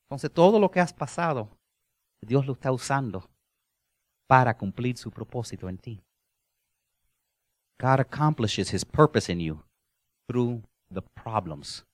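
Predicador animado, voz muy expresiva. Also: male voice, no echo, clean studio sound. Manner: animated, sweeping from soft low endings to loud emphatic lines. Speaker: preacher. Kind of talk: sermon.

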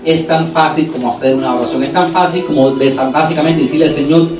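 A pastor preaching a sermon in church, earnest and turning lively when he tells a story, with English words dropped in. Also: a little high, quick pace, distant mic. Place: church sanctuary. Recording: echoey church hall, voice from afar, music under it.

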